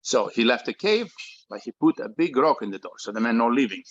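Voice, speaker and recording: A man's voice: medium pitch, big pitch swings, fairly quick, a bit bright, no room sound, lo-fi sound. An actor playing a Greek immigrant father in a script table read, speaking broken English with a heavy Greek accent as he tells his children a bedtime story. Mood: storytelling.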